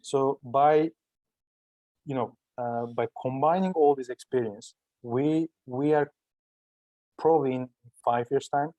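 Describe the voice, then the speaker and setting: A man's voice: medium pitch, slow, long pauses, warm tone, no room sound, low-quality recording. A man with a Turkish accent, a native Turkish speaker, giving conversational, explanatory interview answers and often rephrasing himself. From Turkey. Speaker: startup entrepreneur being interviewed.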